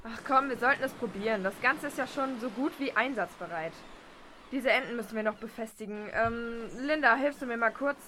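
Casting: woman as a bossy, pushy young woman, highish voice, clear background noise. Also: a bit bright, natural voice. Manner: pushy, brisk.

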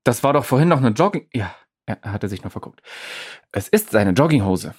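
A man narrating an audiobook story in an expressive, dramatic way. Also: mid-range voice, fairly quick, husky. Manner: lively, expressive.

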